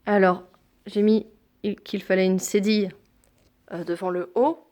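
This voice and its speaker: A woman teaching a phonics lesson to young children, speaking deliberately and repeating each sound and example word. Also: medium pitch, fairly even intonation, mellow.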